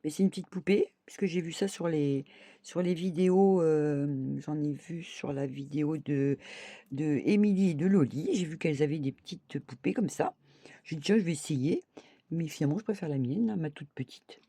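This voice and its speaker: A woman's voice: low voice, moderate pace, warm tone, breathy edge, dry recording. A woman craft vlogger chatting casually to her viewers, thinking aloud and dotting her talk with little "hop" and "voilà".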